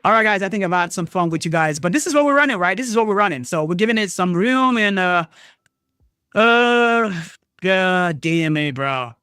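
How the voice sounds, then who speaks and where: A man hosting a live trading stream, talking to viewers in an excitable way, swearing and thinking aloud, jumping between loud outbursts and low mutters. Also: moderate pace, smooth, no room sound, studio quality, soft background music. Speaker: trading livestream host.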